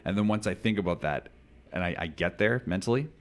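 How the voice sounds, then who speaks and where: A man in his thirties hosting a casual interview, talking in a rambling, animated way and laughing often. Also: deep voice, a little fast, slight background noise. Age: 30s. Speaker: podcast host.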